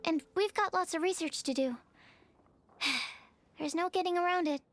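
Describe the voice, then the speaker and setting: A woman's voice: very high voice, normal speed, soft background music. A woman voicing a timid, earnest young female researcher in an English video game dub, polite, formal and a little hesitant.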